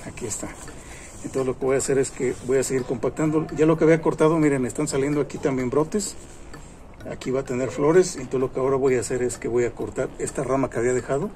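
Male gardening host, 30s, mellow tone, chatty and repetitive, outdoors, faint music under. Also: medium pitch. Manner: chatty, repeats himself, many fillers. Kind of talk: casual gardening tutorial. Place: outdoor garden among plants.

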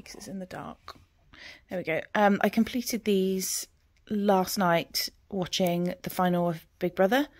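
A woman in her forties chats casually about her stitching at home. Her voice sits in a middling register and is recorded dry and close. She rambles and often trails off into quiet murmurs as she counts stitches. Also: medium pitch, no echo. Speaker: cross-stitch vlogger. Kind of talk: casual progress update.

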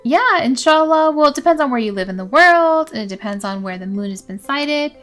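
A woman's voice: high-pitched, expressive, a little fast, fairly bright tone, soft background music. A woman in her thirties presenting an educational children's show as host and teacher, encouraging and explanatory. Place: small room indoors.

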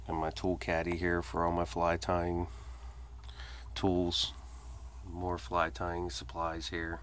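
There's slight background noise as a man with a low voice narrates a casual tour of his home fishing workshop, a cluttered indoor space. He films with a phone held in his own hand, listing things plainly and matter-of-factly with hesitant fillers.

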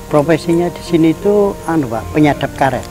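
A man's voice: fairly high pitch, lively intonation, brisk, rough recording. An older man, a village elder, answering interview questions plainly and agreeably, with hesitant fillers, outdoors on a porch. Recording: music playing under the voice.

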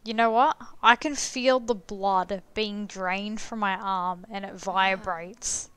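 A woman's voice: mid-range voice, steady tone, slow, a bit bright, clean tone, no echo. A young woman, chatting blunt and crude as she plays a life-sim game, swearing and laughing freely. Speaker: gaming streamer. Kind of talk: casual gameplay commentary.

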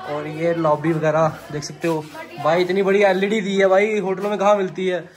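A man's voice: little pitch movement, normal speed. A young man hosting a casual vlog, showing a rental property and calling his viewers "bhai". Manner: calls viewers "bhai", pitch jumps high when pleading. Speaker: vlogger. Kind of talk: casual vlog tour and argument.

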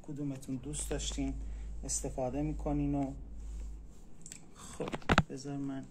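A man teaching a language in a casual live stream, patiently repeating words slowly. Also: mid-range voice, completely flat delivery, slight background noise.

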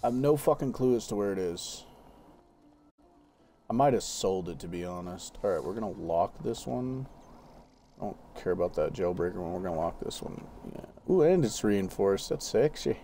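A man with a low, mellow voice talks through an online game in a relaxed, rambling way, cursing casually as he goes. Faint noise hums under the recording. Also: normal speed. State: has the hiccups. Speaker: gaming streamer. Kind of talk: casual gameplay commentary.

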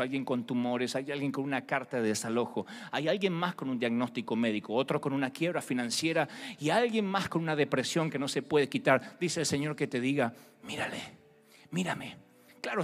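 A male pastor preaching a sermon, impassioned, swinging from hushed tones to shouting. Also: mid-range voice, long reverb tail. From Argentina.

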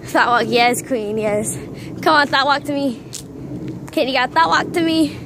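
A woman's voice: high-pitched, measured pace. A woman chatting casually and teasingly as she films a vlog outdoors on a handheld camera. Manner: teasing, playful. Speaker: vlogger behind the camera. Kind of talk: casual playful vlog chat. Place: outdoors on residential paths. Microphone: handheld phone or camera, close. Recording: noisy handheld camera audio.

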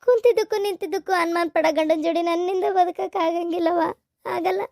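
A woman's voice: very high voice, fairly even intonation, a little fast, darkish tone, no room sound, clean studio sound. Woman voicing a tearful wronged young wife. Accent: North Karnataka Kannada. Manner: pleading and tearful. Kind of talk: cartoon voice acting.

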